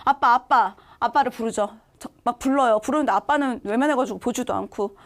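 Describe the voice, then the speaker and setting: A woman with a high voice teaches a recorded online lecture. She stays animated and talks straight to her students as she works through a script passage. She keeps a lively, engaged manner throughout. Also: quick pace. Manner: animated, addresses students directly. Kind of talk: online exam-prep lecture.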